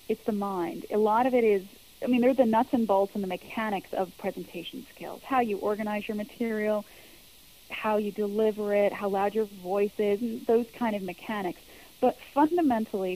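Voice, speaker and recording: An earnest woman speaks as a public speaking coach, laying out her method step by step. She explains patiently and comes back to her key phrases to drive them home. Her voice sits at an ordinary middle pitch. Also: dark tone, low-quality recording. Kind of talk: interview answers.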